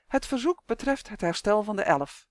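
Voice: medium pitch, big pitch swings, dry recording, studio quality, pitched above the performer's own voice, close to an everyday voice. A reader doing a bossy dwarf girl. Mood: brisk, bossy. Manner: bossy, impatient, quick. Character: brisk, practical young dwarf girl.

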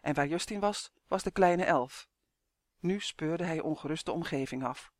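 A narrator reading a children's fantasy story in a steady, measured way. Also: medium pitch, no room sound. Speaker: audiobook narrator.

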